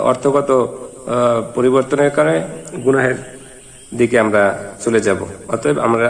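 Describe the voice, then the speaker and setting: A gravelly, medium-pitched voice spells out Quranic letters and vowel marks one by one in Bangladeshi-accented Bengali, then chants each verse. This slow recitation lesson echoes in a long reverberant hall.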